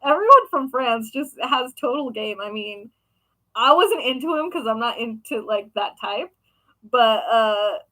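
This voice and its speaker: Bright-voiced chatty young woman. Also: fairly high pitch, animated, unhurried, rough recording. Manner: chatty, rambling with many fillers. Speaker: craft shop owner and vlogger. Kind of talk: casual chat answering viewers.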